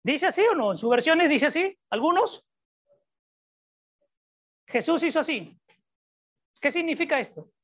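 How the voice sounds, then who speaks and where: A woman's voice: high-pitched, animated, a little slow, long pauses. A woman preaching a sermon, repeating her key points and asking the congregation questions. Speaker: preacher and psychologist. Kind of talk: sermon with Bible reading. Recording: dull lo-fi recording.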